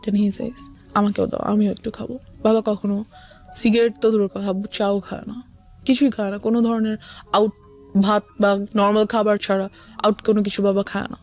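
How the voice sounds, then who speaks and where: This young woman, a guest with a Bangladeshi accent, tells her personal story in a medium-pitched, level, slightly mellow voice at normal speed. Her confessional talk mixes in a lot of English alongside Bengali, over background music.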